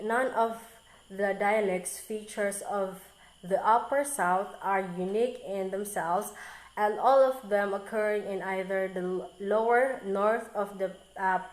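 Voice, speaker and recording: A woman student reads a recorded class presentation aloud in a medium-pitched voice, careful and halting, often restarting on difficult words. The low-quality recording has a roomy sound.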